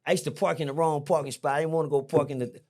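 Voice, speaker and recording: A middle-aged man, a podcast guest, telling a story in a lively, slangy way, repeating himself and jumping high when excited. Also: very fast. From Texas. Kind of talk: animated storytelling. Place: podcast studio.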